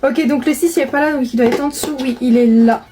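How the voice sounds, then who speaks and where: A woman's voice: sits high, steady tone, fast, mellow, a little hiss or hum. A young woman chatting casually as she opens an advent calendar, chatty and gushing with many fillers. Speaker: beauty vlogger. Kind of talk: casual unboxing chat.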